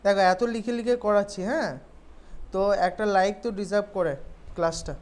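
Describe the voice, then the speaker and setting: A woman with a lowish, slightly mellow voice goes over English exam questions in a casual, conversational lesson. She often checks in with her students by asking "okay?"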